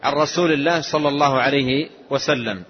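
A man giving a slow, measured religious lesson, explaining a text line by line. His voice is husky. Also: a little high, slight background noise. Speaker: Islamic scholar. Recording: dull lo-fi lesson tape.

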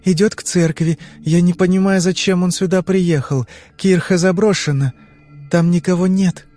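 Storybook role: male reader doing an anxious young woman under hypnosis, pitched up, hesitant. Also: fairly even intonation, normal speed, dark tone, faint music behind, close to an everyday voice. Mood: tense. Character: frightened young woman reliving a trance.

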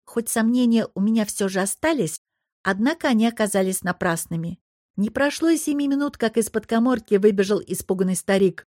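A woman narrates a first-person fantasy story in a steady, even reading voice. Her pitch sits mid-range. The sound is dry and close-miked. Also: fairly quick, no echo. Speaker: audiobook narrator.

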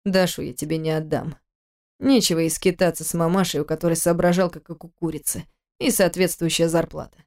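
A woman reading the part of a scornful, controlling husband in an audiobook, speaking quietly, mockingly and with menace. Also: lowish voice, steady tone, brisk, natural voice. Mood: menacing. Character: cold, scornful adult man, a controlling husband.

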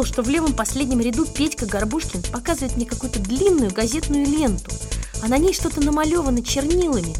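A woman narrating a children's story in the first person, lively and expressive. Her voice sits high, and soft music plays faintly beneath the reading. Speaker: story reader.

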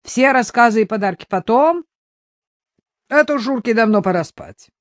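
A hearty, joking brother-in-law who welcomes everyone loudly, as a woman puts him on. The lines rise and swing with cheer, recorded close and dry. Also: on the high side, expressive, normal speed, dry recording, pitched above the performer's own voice, close to an everyday voice. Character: jovial hearty brother-in-law, family man.

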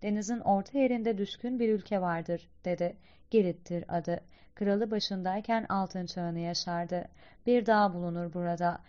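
A woman voicing a wise old male guide poet who speaks gravely and instructively. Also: mid-range voice, a little slow, a little mellow, natural voice. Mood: calm. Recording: slightly dull lo-fi recording.

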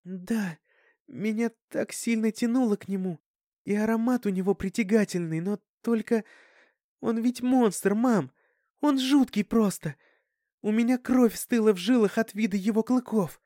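Young woman, tearful and self-doubting, high strained pleading tone, voiced by a male reader, dry close recording. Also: a little slow, dark tone, dry recording. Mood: anxious, confessing.

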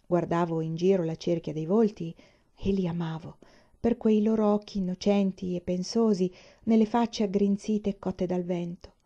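A woman reading a novel aloud at a steady, measured pace. Her voice is mellow and warm, and the recording is dull and muffled. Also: lowish voice. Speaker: audiobook reader.

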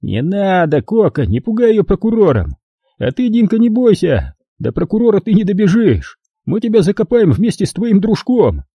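A man's voice: high-pitched, wildly swooping pitch, normal speed, breathy edge, no echo, muffled recording, pitched above the performer's own voice, full character voice. A man voicing a snarling drunk gang leader. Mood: menacing. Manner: snarling, threatening, crude.

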